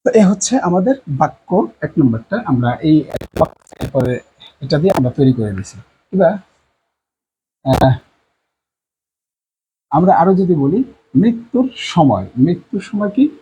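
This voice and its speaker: Man, language teacher, Bangladeshi Bengali accent, husky voice, slow repetitive drilling, lively pitch. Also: low-quality recording. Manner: slow, repetitive, drawn-out teaching delivery with many fillers. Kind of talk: whiteboard language lesson.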